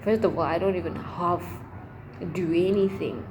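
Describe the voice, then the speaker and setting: A young woman with a slightly low voice talks in a casual, chatty vlog style. She rambles expressively and leans hard on her slangy phrases. There is clear background noise around her. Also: moderate pace, highs cut off. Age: young adult. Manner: emphatic, slangy. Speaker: vlogger. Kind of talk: casual chat to camera.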